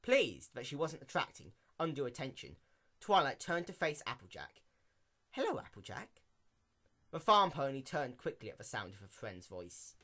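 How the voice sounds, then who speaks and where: Male storyteller for dramatic reading: emphatic, theatrical, mid-pitched, very animated. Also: moderate pace. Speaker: narrator. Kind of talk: dramatic scripted story narration.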